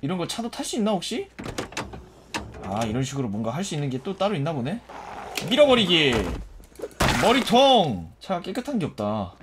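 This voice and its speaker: Animated man commenting on gameplay. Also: on the high side, quick pace, noisy background. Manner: animated, jokey, swears and yelps at enemies. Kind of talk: casual let's-play commentary.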